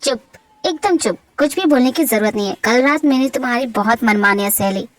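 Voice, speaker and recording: A young male doctor who protests and scolds in a high, light voice, voiced by a woman. Homemade fan-dub drama. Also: lively intonation, fairly quick, dry recording, close to an everyday voice. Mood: stern. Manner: flustered protests, then stern scolding. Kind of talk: amateur Hindi fan dub.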